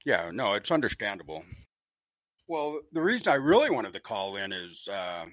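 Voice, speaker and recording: A man's voice: fairly low pitch, very animated, normal speed, a bit bright, no room sound. Australian man on a fading, crackly phone line. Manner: hesitant, firmly opinionated. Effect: crackly phone line that fades in and out. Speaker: caller. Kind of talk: sports talk call-in.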